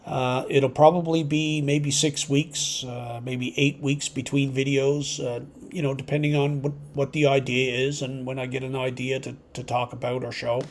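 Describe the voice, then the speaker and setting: A medium-pitched male amateur radio host rambles to his subscribers. His talk is relaxed and off the cuff, full of hesitations and reflection, and the clear audio carries a constant background noise.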